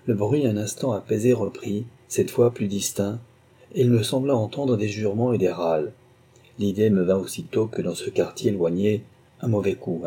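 A man's voice: lowish voice, dark tone, slightly rough. A man reading a short story aloud as narrator, with a dramatic, suspenseful delivery. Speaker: audiobook narrator.

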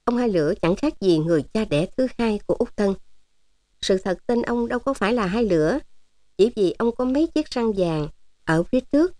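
A woman narrating a serialized audiobook in a steady, measured way. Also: mid-range voice, no room sound. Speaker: storyteller.

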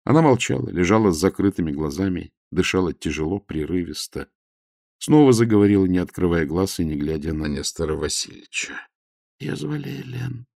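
A man narrating an audiobook in a steady, measured way. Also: low-pitched, dry recording, studio quality.

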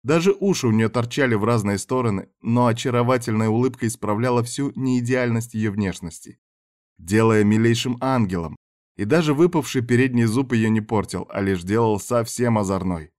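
A man narrating an audiobook chapter in a measured, even reading voice. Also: mid-range voice, dry recording, studio quality.

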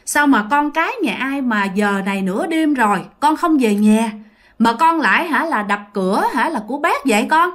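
A woman's voice: high-pitched, animated, normal speed, a bit bright. A woman voicing a worried middle-aged village police chief, who questions a child and frets to himself. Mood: questioning. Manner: fretful, talking to himself.

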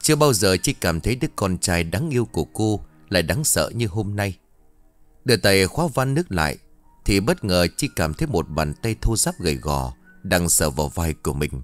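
A man narrating an audio story in an expressive scripted reading. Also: deep voice.

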